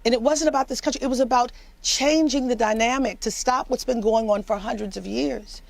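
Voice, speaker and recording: A woman's voice: a little high, fairly quick, vocal fry. A woman commenting on a TV news panel in an earnest way, repeating words as she builds her argument.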